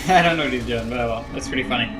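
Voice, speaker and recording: A man's voice: medium pitch, fast talker, music in the background. A young man giving casual, self-critical commentary over his own match footage, rambling with lots of ums and likes, drowsy and yawning. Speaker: gameplay analyst.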